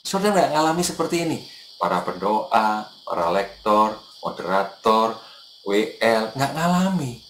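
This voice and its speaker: Animated male preacher in a roomy hall. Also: lowish voice, unhurried, slight background noise. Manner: chatty and animated, acting out quoted people, dropping to soft murmured prayer. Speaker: evangelist preacher. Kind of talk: casual morning sermon to a congregation.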